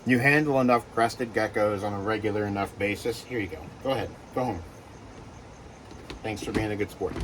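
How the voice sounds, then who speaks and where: Low-voiced rambling man. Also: brisk, a little hiss or hum. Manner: rambling, filler-heavy, coos softly to the geckos. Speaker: reptile breeder. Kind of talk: casual handling vlog.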